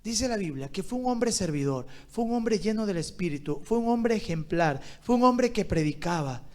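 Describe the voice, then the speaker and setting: High-voiced man preaching a sermon. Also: animated, normal speed. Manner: swings from loud shouted exhortation to quiet low asides; calls on the congregation to answer aloud. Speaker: pastor.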